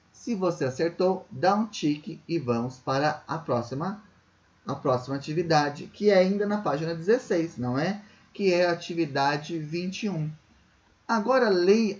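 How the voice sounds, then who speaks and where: Patient Brazilian schoolteacher, lively pitch. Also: male voice, dull audio. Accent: Brazilian Portuguese. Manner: patient, drawn-out explaining with frequent tag questions. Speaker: teacher. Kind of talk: explaining a workbook to children.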